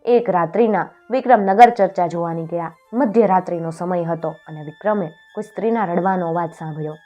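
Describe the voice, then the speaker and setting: A woman with a lowish voice narrates an old folk tale at an even storytelling pace. Her delivery is steady and clear, and faint music plays beneath her. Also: fairly quick, muffled recording. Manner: steady, clear storytelling with lifted voice for quoted speech.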